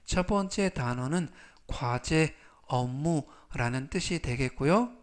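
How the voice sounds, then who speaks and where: Slow, careful male English teacher. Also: a little high, lively intonation. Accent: Korean. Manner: repeats each English word three times, reads example sentences very slowly. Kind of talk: slow, deliberate vocabulary lesson.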